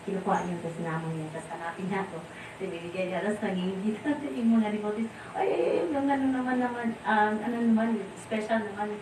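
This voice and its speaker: A middle-aged woman with a Filipino accent, a disciple sharing rambling memories at a temple gathering, often searching for words. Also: lowish voice. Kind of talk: informal remembrance talk, Taglish. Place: temple hall. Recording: roomy, distant mic, faint noise.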